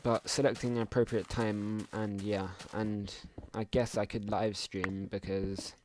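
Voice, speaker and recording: A young man with a lowish voice rambles and mutters as he plays, trailing off into half-finished asides. His homemade recording carries a clear hiss and faint clicking in the background. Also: level tone, a little slow. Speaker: gaming channel host. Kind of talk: casual let's play commentary.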